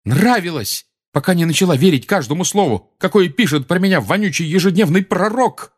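A man's voice: fairly high pitch, lively intonation, a little fast, voice pushed up. A man voicing a sullen, angry teenage boy who snaps sharply. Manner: sharp, snapping.

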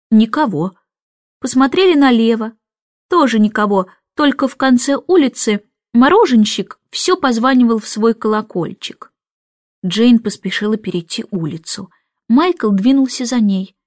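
A woman reading a children's storybook aloud with lively, expressive narration. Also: on the high side, dry recording, clean studio sound. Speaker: reader.

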